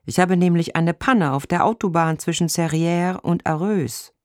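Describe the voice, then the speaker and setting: A man's voice: fairly high pitch, normal speed, no echo, studio quality, pitched above the performer's own voice, close to an everyday voice. A male reader voicing an irritated stranded driver on the phone, impatient and rude, in a storybook reading. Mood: annoyed. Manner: impatient, brusque, insulting.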